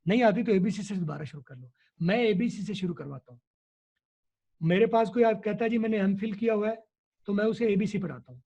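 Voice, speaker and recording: A man's voice: sits high, animated, a little fast, creaky, dark tone, husky. A man, an English teacher explaining in an interview, teacherly and repeating key words to drill them. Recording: dull lo-fi recording.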